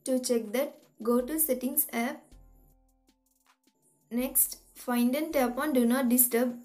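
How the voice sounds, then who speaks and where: A woman hosting a tutorial, reading step-by-step instructions in an even, methodical way. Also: sits high, slow pace, faint music behind. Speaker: tutorial host. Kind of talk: scripted step-by-step tech tutorial.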